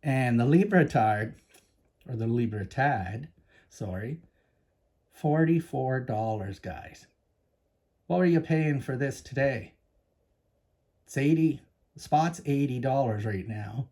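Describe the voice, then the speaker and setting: Slow and expressive, with long pauses, this Canadian host's mid-range voice is a little mellow. He enthusiastically chats to viewers during a casual coin-collecting show-and-tell vlog.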